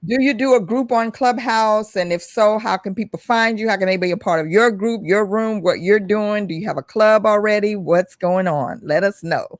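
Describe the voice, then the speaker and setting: A woman's voice: mid-range voice, moderate pace, few pauses, no room sound, clean studio sound. A woman hosting a casual conversational interview show, speaking emphatically and repeating phrases to make a point. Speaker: live show host.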